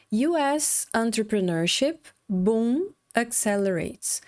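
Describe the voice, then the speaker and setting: A young adult woman with a Brazilian Portuguese accent, teaching an online English lesson in Portuguese and slowly sounding out English words syllable by syllable. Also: medium pitch, darkish tone.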